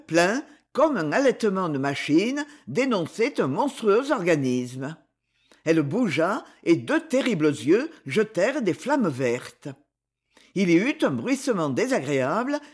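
Brief: male audiobook narrator, high voice, husky, dramatic. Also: big pitch swings, unhurried. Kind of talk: scripted narration of an adventure novel.

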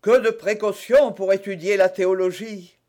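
A man voicing a proud, vain male musketeer in an audiobook reading, with loud, scoffing exclamations. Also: sits high, animated, unhurried, voice pushed up. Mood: blustering.

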